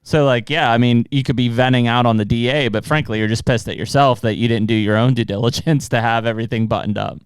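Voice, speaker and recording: Male podcast host, easygoing chatty delivery, smooth clear voice. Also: medium pitch, quick pace, few pauses, no room sound. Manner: relaxed, chatty, says "dude". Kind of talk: casual conversation.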